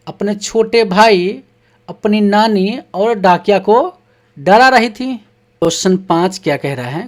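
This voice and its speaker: A teacher walks young children through a textbook lesson at an unhurried pace. The voice sits in a middle pitch, reading each question aloud before answering it. Words are broken into syllables with patient care. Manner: reads questions aloud, then answers them.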